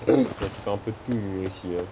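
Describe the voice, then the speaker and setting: Excitable French-speaking gamer man. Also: fairly low pitch, fast talker, noisy background. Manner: jokey, excitable, talks to viewers and game characters. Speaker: gaming video host. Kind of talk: casual let's-play commentary. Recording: loud game music behind.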